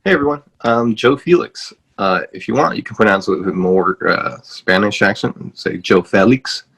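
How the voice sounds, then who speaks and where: Rambling, low-voiced man from Los Angeles. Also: lively intonation, normal speed, vocal fry, a bit bright, rough recording. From Los Angeles, USA. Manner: rambling, many fillers and restarts. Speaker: podcast guest, writer. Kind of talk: casual interview over video call. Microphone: video call.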